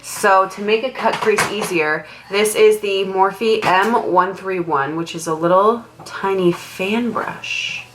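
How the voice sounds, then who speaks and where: Speaking slowly at a medium pitch, a young makeup artist barely pauses as she chats over background noise. She's nasal with a cold and doing her makeup at home. Her talk is a casual, rambling get-ready-with-me stream full of "like" fillers.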